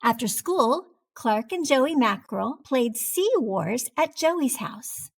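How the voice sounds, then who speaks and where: A woman narrating a children's picture book aloud with expressive, deliberate phrasing. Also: sits high, creaky.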